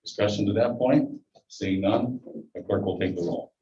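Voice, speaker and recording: A man's voice: lowish voice, moderate pace, warm tone. A man chairing a public board meeting, his voice muffled through a face mask, running the agenda with dry asides. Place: meeting room. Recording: dull echoey room recording from a distance.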